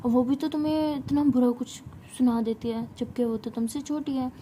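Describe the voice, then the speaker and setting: A woman's voice: high-pitched, fairly even intonation, normal speed, dark tone, a little hiss or hum, close to an everyday voice. A woman voicing a playful young woman who teases with affectionate sarcasm. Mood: teasing. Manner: teasing, sarcastic.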